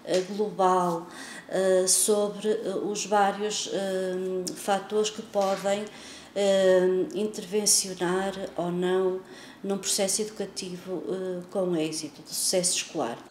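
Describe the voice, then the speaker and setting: A woman's voice: medium pitch, flat delivery, takes it slowly, a little mellow, a little hiss or hum. A woman researcher, speaking formally with many fillers. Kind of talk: explanatory interview. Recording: echoey room.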